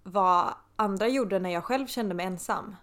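A woman's voice: medium pitch, a bit bright. A young woman co-hosting a podcast in casual chat, talking with lots of filler and quoting her own thoughts. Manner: chatty, quotes herself with lots of filler. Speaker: podcast co-host.

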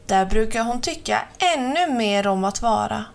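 A woman voicing an anxious, excitable male crow in a storybook reading. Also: a little high, creaky. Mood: worried, excitable. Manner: worried, excitable.

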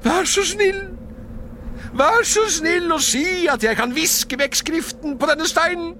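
A man voicing a frantic, excitable old male miser in a storybook reading, crying out in a high, strained voice. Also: a little hiss or hum, exaggerated voice. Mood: desperate pleading. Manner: cries out in shrill exclamations. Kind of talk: storybook character voice.

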